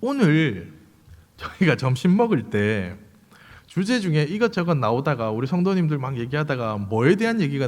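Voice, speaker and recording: A man, preaching a sermon as pastor, with rhetorical questions and light humor. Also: medium pitch. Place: church sanctuary. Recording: long reverb of a church sanctuary.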